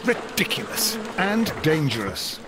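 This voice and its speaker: An actor playing a proper, easily exasperated Victorian English doctor and loyal companion in a video game. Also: male voice, high-pitched, very animated, noisy background. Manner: proper, indignant, measured.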